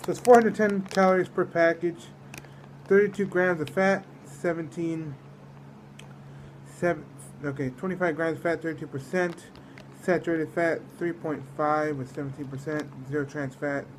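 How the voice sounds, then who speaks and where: Man from the United States, slightly high voice, casual snack review, rambling delivery, faint background noise. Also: steady tone, moderate pace, poor audio. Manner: rambling, trailing off mid-thought. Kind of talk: casual food review vlog.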